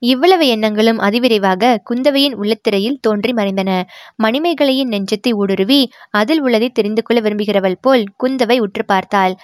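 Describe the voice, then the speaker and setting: A woman narrating a historical novel chapter in measured, clear storytelling. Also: a little high, no echo, clean studio sound. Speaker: audiobook narrator.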